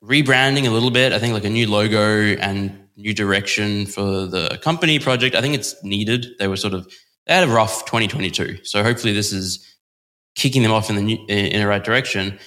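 A man co-hosting a casual podcast chat, rambling and relaxed, laughing easily. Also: lowish voice, brisk. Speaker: podcast co-host.

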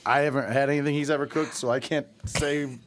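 A man's voice: a little high, fairly even intonation, quick pace, slight background noise. A man, a band member, talking casually on a podcast and rambling through stories with many fillers. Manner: rambling, laid-back storytelling with many fillers.

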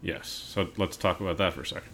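Very deep-voiced man, rambling casual chat. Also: fast, a little hiss or hum. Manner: animated, rambling with many likes, gets loud when emphatic. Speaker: podcast host.

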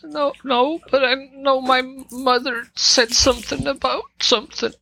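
A game master voicing Sophia, a tearful young woman and an innkeeper's granddaughter, in a tabletop game, with a high, hesitant voice. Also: steady tone, measured pace, gravelly, sharp tone, slight background noise, full character voice, rough recording. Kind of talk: tabletop role-play.

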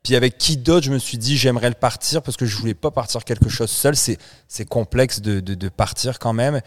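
A man's voice: medium pitch, brisk. A man in his thirties, born in France, co-hosting a casual podcast and talking in a chatty, rambling way with frequent restarts. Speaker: podcast co-host. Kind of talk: casual chat.

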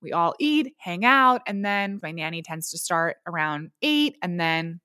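A woman's voice: fairly low pitch, big pitch swings, unhurried, bright, forceful tone, clear, resonant tone, dry recording, studio quality. A woman in her thirties hosting a solo podcast, chatting candidly and walking through her daily routines item by item. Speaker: podcast host. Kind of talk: solo podcast, answering listener questions. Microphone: studio podcast mic.

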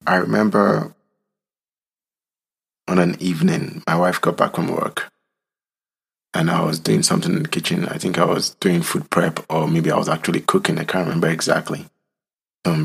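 Deep gravelly man, solemn. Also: fairly bright tone. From Nigeria. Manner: slow, solemn, deliberate delivery. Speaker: vlogger telling his own story. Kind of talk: reflective personal narration.

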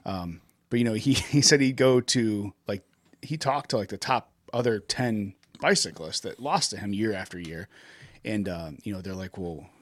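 A man's voice: lowish voice, moderate pace, no room sound. A man hosting a podcast, chatting casually and hesitantly with frequent "um"s. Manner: relaxed, hesitant with many "um"s. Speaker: podcast host. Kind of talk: casual interview chat.

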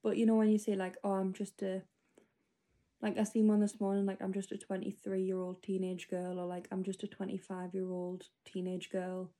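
A woman's voice: mid-range voice, completely flat delivery, moderate pace, dark tone. A 25-year-old woman rambling through a spoken diary entry, casual and full of fillers. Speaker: podcast host.

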